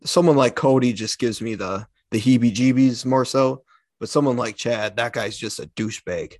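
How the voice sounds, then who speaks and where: A man's voice: mid-range voice, normal speed, a little mellow, dry recording. Dry-humored man on a podcast. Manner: dry, joking, laid-back. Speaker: podcast co-host. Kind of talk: casual podcast chat.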